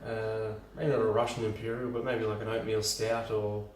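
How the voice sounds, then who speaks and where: Distant rambling home brewer, roomy sound. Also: male voice, on the low side, flat delivery, normal speed, slight background noise. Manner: rambling, lots of ums and restarts. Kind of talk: casual how-to video. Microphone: camera from a distance. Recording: roomy and distant camera mic.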